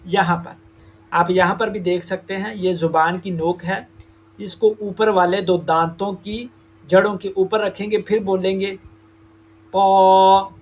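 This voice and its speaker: Slow, high-voiced man teaching recitation. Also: steady tone, a little hiss or hum. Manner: slow, deliberate explanation with drawn-out demonstrated sounds. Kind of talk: tajweed lesson.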